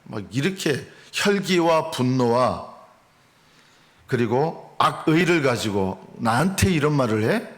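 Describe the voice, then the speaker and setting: A male pastor preaching an early-morning sermon in a church sanctuary, earnest and building in emphasis, sometimes acting out the voices of mockers and angry replies. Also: mid-range voice.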